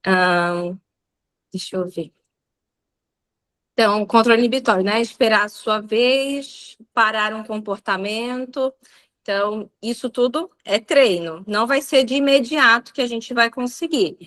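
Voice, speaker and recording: A woman's voice: a little high, measured pace, a bit bright. A woman in her thirties with a Brazilian Portuguese accent, giving a live talk on parenting in a chatty storytelling way. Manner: conversational storytelling with many fillers. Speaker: parenting speaker. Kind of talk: live talk on child behavior.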